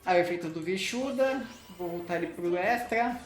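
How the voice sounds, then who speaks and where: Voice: medium pitch, moderate pace. A Brazilian Portuguese speaker giving casual card game commentary in an informal manner, often checking in with short tag questions. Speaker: gaming channel host. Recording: roomy echo with faint music. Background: music.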